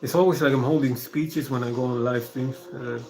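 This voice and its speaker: A man chats alone on a live stream, speaking quietly and wandering between thoughts with frequent pauses and fillers. His voice sits at an ordinary middle pitch. Soft music plays faintly underneath. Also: fairly even intonation, vocal fry. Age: 40s. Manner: rambling and soft-spoken, many pauses and fillers. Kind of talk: casual live-stream monologue.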